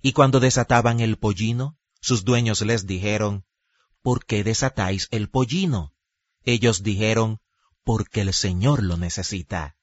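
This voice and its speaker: A man reading scripture as a solemn, measured biblical epic narrator, with deliberate pauses. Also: on the low side, no room sound. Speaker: Bible narrator. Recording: dull lo-fi recording with music behind. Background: music.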